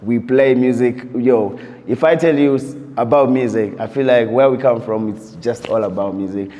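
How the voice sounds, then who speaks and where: A Ugandan DJ and producer reflects on his story in an interview recorded while he's on tour abroad. His mid-range voice has a dark tone and a moderate pace, and he tells things loosely, leaning on "you know" throughout. The recording has long reverb.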